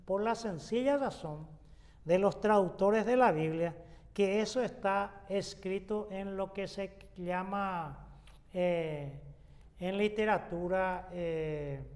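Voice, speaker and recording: Higher-voiced man teaching in a reverberant room. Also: darkish tone. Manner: unhurried, explanatory, frequent "eh" fillers and restarts. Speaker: pastor teaching a Bible study. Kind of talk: exegetical Bible teaching.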